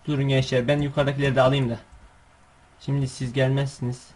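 A man hosting his gaming channel, giving chatty, excitable gameplay commentary full of coaxing calls and slangy asides. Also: medium pitch, quick pace, slight background noise.

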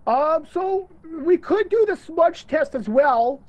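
A man heard through in-game proximity voice chat, teasing his co-op partner with playful, quick callouts. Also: very high-pitched, lively intonation, no room sound, lo-fi sound. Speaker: co-op gaming partner. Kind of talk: casual gaming chat.

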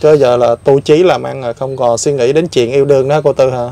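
A man who interviews an old woman gently and patiently, repeating his questions. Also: medium pitch, fairly even intonation, fast. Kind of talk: casual interview.

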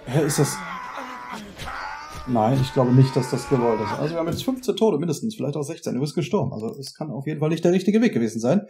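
A man's voice: medium pitch, lively intonation, fast, warm tone, slight background noise. A man narrating a horror game as let's play host, chatty and dropping English exclamations into his German.

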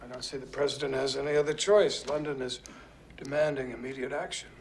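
An actor playing a cautious government adviser, speaking in a formal, measured way. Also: male voice, medium pitch, fairly even intonation, slight background noise, natural voice. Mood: cautious concern. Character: cautious male government adviser at crisis meeting. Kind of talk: film drama acting.

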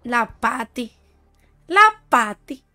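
A woman's voice: on the high side, very slow, bright, forceful tone. A woman with a Mexican accent streaming a shooter game, chatting casually with playful, teasing, boastful banter. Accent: Mexican Spanish. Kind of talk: casual gaming stream chat.

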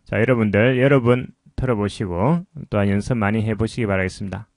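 A man's voice: fairly low pitch, a little mellow, no room sound, clean studio sound. Patient man explaining pronunciation. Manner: patient, explains slowly and repeats phrases. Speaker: English pronunciation teacher. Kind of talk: explanatory lesson narration.

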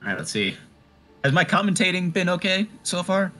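Heldere jonge man als commentator. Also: high voice. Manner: excitable, swearing, rapid auctioneer-style patter. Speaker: stream commentator. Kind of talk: casual esports commentary.

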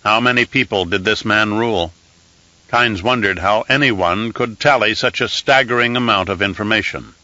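A man narrating an audiobook in a steady, measured storytelling manner. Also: lowish voice, no echo, highs cut off. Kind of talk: scripted narration.

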